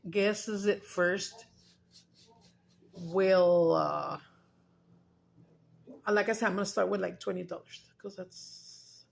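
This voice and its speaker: A woman's voice: mid-range voice, vocal fry, a little hiss or hum. A middle-aged woman, chatting loosely while eating on camera, swearing and slipping into Spanish. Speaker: mukbang streamer. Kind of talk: casual chat while eating.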